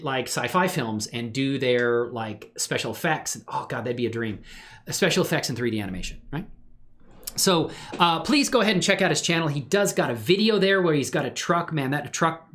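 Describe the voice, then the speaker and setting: Faint background music accompanies a man of medium pitch with a slightly bright tone as he hosts a relaxed livestream. He's a hobby 3D animator, and his talk is loose, eager and meandering.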